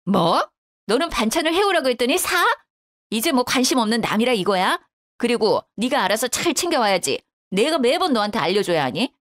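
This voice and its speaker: A woman's voice: on the high side, big pitch swings, fairly quick, fairly bright tone, no room sound, clean studio sound. A woman voicing a grumbling older widowed mother-in-law who talks bluntly and reproachfully. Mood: indignant.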